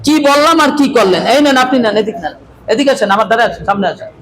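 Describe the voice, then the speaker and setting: High-voiced man drilling a loud class. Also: animated, racing, crowd noise, rough recording. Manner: loud, drilling questions at the class, often calling out. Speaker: Quran teacher. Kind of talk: classroom lesson.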